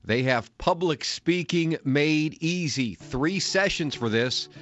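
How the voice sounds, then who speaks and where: A man's voice: fairly high pitch, lively intonation, slow pace, a bit bright, no echo. A man with an American accent hosting a radio farm news and market report. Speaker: radio host. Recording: dull lo-fi radio audio.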